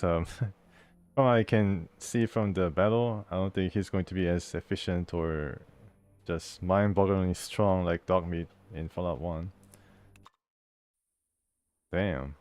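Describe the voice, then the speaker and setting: Low-voiced guy playing a game, chatty and amused, reads the text out, close mic. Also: a little slow, long pauses, darkish tone. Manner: chatty, amused, thinks aloud with fillers and laughs. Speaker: gameplay host. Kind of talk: casual gameplay commentary, reading game text aloud.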